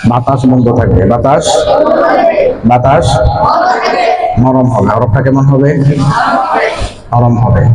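A male madrasa teacher giving a Quran pronunciation lesson, asking the class questions and repeating the answers. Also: medium pitch. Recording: echoey room with a crowd of students. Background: students chanting along.

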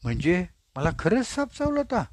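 A man's voice: high-pitched, wildly swooping pitch, normal speed, dry recording, pitched above the performer's own voice. A man voicing a frightened villager who thinks a snake has bitten him, speaking in an alarmed, pleading way. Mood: bewildered.

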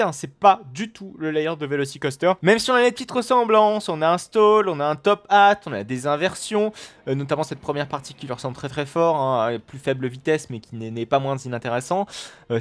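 Excitable man commentating gameplay live. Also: fairly high pitch, a little fast. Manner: excitable, swears, exclaims often; rambling with many fillers and restarts. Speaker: gaming video host.

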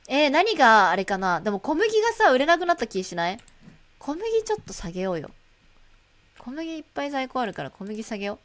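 A woman streaming a shop management game, chatting casually to herself and greeting customers in a bright shop-clerk voice. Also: mid-range voice. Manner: chatty, playful, talks to herself while playing. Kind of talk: casual gameplay commentary.

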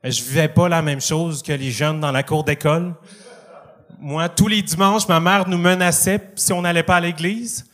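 A man's voice: a little high, steady tone, normal speed, a bit bright. A young man with a Quebec French accent doing a self-deprecating stand-up routine on a comedy club stage, laughing at his own jokes.

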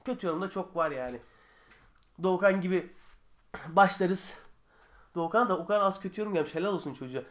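Young man chatting in a casual vlog. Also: high-pitched. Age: young adult. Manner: chatty, joking, quick shifts between calm and heated. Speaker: YouTuber answering viewer questions. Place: his own bedroom.

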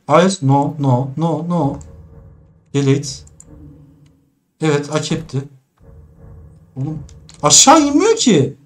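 Frustrated gamer man with an animated voice. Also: sits high. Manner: exasperated, swearing at the game's controls, laughing; muttering quietly while sneaking. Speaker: gaming streamer. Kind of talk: let's play commentary.

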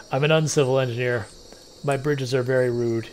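This man livestreams a video game, rambling and joking in casual conversation as he plays. He speaks at a normal pace in a steady, slightly mellow mid-range voice, with a faint hiss or hum on the recording.

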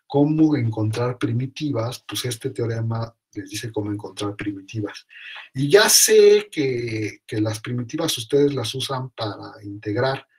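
A man teaches a math class in a loose, chatty way. He thinks out loud, trails off and corrects himself mid-sentence, and his voice has a husky, slightly breathy edge at a middling pitch. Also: lively intonation, a little slow. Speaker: math lecturer. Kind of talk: informal math lecture.

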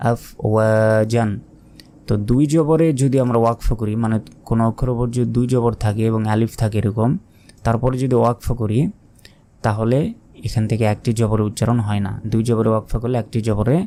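A man teaching Quran recitation, spelling out each letter and vowel mark before sounding the word slowly. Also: fairly low pitch, dark tone. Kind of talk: slow letter-by-letter recitation lesson.

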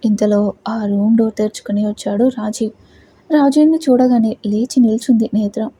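A woman narrating a dramatic love story in a steady, dramatic reading style. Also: a little high, normal speed, husky, poor audio.

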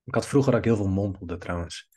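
Man, low husky voice, editing tutorial, rambling asides, desk mic. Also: quick pace, darkish tone. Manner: rambling asides, talks while clicking through edits. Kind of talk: screen-recorded editing tutorial commentary.

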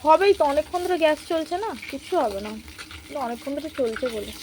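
A woman's voice: high-pitched, animated, fast talker, background noise. A young woman vlogging casually from her home kitchen, chatting through each cooking step for her viewers on a handheld phone. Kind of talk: casual vlog narration.

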